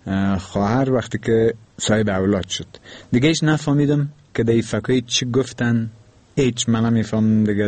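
A man's voice: on the low side, a little mellow, no echo. A man with an Afghan Dari accent hosting a radio call-in show, speaking politely and without hurry to his callers. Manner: polite, unhurried and courteous with callers.

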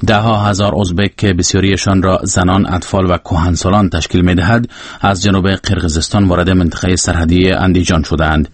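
A man giving a news summary as a radio journalist, pausing now and then. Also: sits low, dry recording.

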